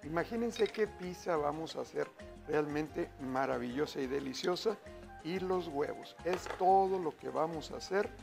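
Over music, a middle-aged man with a slightly high, creaky voice hosts a televised cooking demonstration at a moderate pace. Upbeat and talkative, he cooks in a studio kitchen and keeps addressing viewers as "familia."

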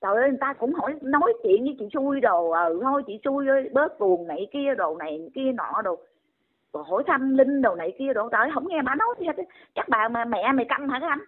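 Older woman, scolding and indignant, higher voice, tinny phone line. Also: animated, quick pace. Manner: scolding, exclaiming often.

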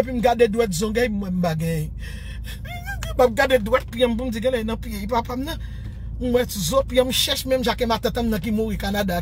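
A woman's voice: on the high side, a little mellow, a little hiss or hum. A Haitian woman telling a comic personal story, breaking into mock wailing and laughter and switching between Creole and French. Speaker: social media storyteller.

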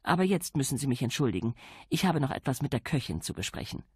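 A man voicing a grand, ample aristocratic lady, imperious and briskly polite. Her voice sits high and swings with lively melody. The read is dry and close. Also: breathy edge, no echo. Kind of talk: audiobook character voice.

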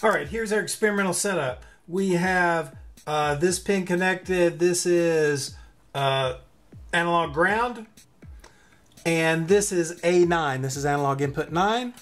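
At an indoor electronics workbench, a man with a voice on the high side and a fairly bright tone hosts a hands-on tutorial. Speaking a little slowly, he keeps things informal, thinking aloud as he narrates the build.

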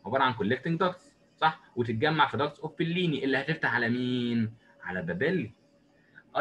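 Man, Egyptian accent, very fast lecture, slightly high voice, quizzes himself, playful. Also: slight background noise. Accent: Egyptian Arabic. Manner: asks and answers his own questions in a lively, joking way. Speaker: medicine lecturer. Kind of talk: recorded lecture explaining while drawing.

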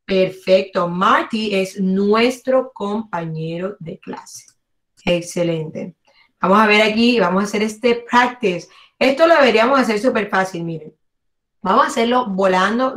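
A woman's voice: mid-range voice, moderate pace, fairly bright tone. Woman teacher drilling English sounds. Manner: encouraging, spells out and exaggerates English sounds. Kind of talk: online class teaching.

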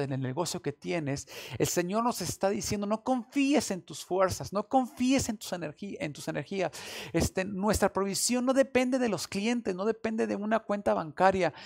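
A man preaching a sermon, earnest, with many fillers and restarts and loud rising exclamations. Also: sits high. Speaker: pastor. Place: small room, recorded instead of a live stream.

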